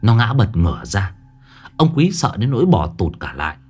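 A man narrating a ghost story in an expressive storytelling manner. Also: on the low side, normal speed, breathy edge, faint music behind.

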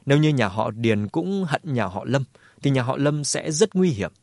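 A man reads a novel aloud in steady audiobook narration at a middle pitch. The sound is dry and close, with no room around it. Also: moderate pace, vocal fry, dry recording. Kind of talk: scripted narration.

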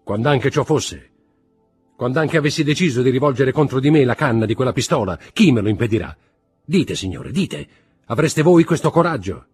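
A man voicing a desperate, furious young man who shouts reproachful outbursts, with a husky voice. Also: on the low side, wildly swooping pitch, moderate pace, soft background music, exaggerated voice.

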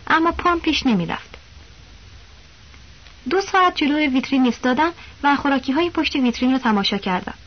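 A woman narrating a novel as an audiobook, telling it in a steady, plain first-person voice. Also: fairly high pitch, dull audio.

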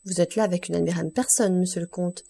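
A woman's voice: fairly low pitch, fairly even intonation, quick pace, vocal fry, warm tone, husky. A woman voicing a bold, forthright young noblewoman in an audiobook. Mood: cool. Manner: blunt, self-assured.

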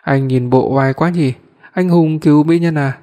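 A man's voice: on the high side, fairly even intonation, normal speed, warm tone, close to an everyday voice. A man voicing a bold young heroine who mocks and teases in an audiobook. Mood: teasing. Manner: mocking, teasing. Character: sharp-tongued young heroine, mocking and bold. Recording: long hall reverb.

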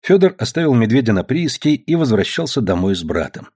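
A man narrating an audiobook with measured storytelling. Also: medium pitch, very animated, a little mellow, husky. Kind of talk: audiobook reading.

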